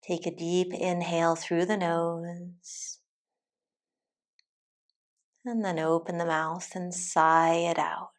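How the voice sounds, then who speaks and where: A woman teacher guides a meditation in soft instructional narration, her voice on the low side. She's calm, soothing and deliberate, leaving long pauses.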